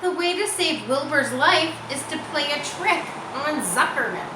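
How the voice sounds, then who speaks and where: A woman's voice: sits high, expressive, unhurried, pitched above the performer's own voice. Woman reading as a clever, self-assured spider, roomy sound. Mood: pleased, scheming. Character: clever, calm female spider, patient and confident. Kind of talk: children's storybook reading. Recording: roomy echo, faint background noise.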